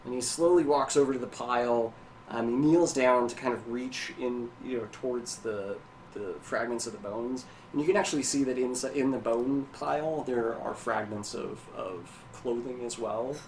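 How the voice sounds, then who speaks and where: A man acting as game master, narrating a tabletop game at a mid pitch. He talks haltingly with plenty of fillers and restarts. His voice sits in an echoey room with a faint hum of ambience behind it. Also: darkish tone.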